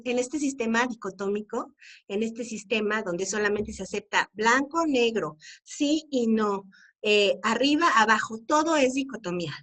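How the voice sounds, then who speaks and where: A woman's voice: a little high, fairly bright tone. A middle-aged Mexican woman giving an informal, earnest talk to parents, often asking rhetorical questions. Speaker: speaker on parenting and equality.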